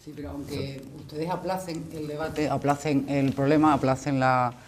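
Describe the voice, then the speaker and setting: Guy, highish voice, tv panel questions, hesitant, keeps correcting himself. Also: fairly even intonation, normal speed, slight background noise. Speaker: panel journalist asking questions. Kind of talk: television political interview questioning.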